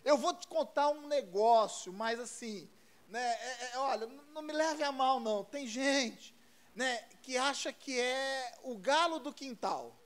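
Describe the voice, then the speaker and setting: A man's voice: very high-pitched, unhurried. A man with a Brazilian Portuguese accent, a pastor preaching a sermon in a conversational, repetitive, folksy storytelling way. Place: church service.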